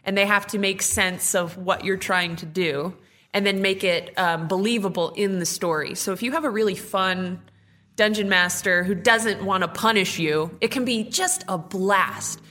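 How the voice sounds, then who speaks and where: A woman's voice: mid-range voice, normal speed, pushed and bright. A woman radio host in casual chat, explaining things plainly and chattily.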